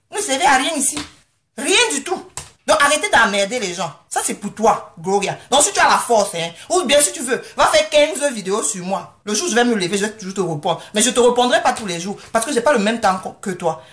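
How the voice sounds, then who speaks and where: Filming herself at home, this vlogger lashes out at her haters in an angry rant, sarcastic, scolding, and confrontational, pausing again and again for "you understand?" She has a rather high, fairly bright voice.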